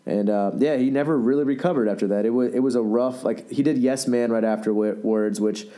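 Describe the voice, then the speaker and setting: A man's voice: medium pitch, a little fast, dark tone. A man in his thirties hosting a podcast, chatting casually and rambling with lots of fillers and restarts. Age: 30s. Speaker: podcast host.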